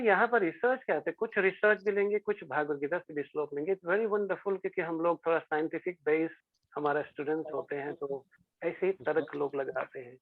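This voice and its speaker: A man giving a devotional lecture as a spiritual teacher, often asking his listeners questions and mixing English phrases into his talk. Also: fairly high pitch. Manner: asks the listeners rhetorical questions; slips English phrases into Hindi. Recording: dry, phone-like narrow sound.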